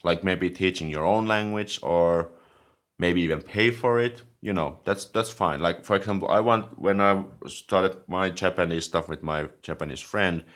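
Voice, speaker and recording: Speaking at a moderate pace in a low-pitched voice, this Finnish language-learning host chats casually on a live stream. He responds to viewer comments in a relaxed, talkative manner, often using "like" as filler.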